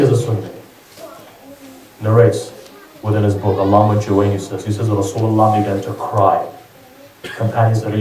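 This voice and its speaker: A man's voice: lowish voice, a little mellow. A man giving an emotional sermon to a gathering, pleading and repeating his lines. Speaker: preacher. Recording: echoey hall, from a distance.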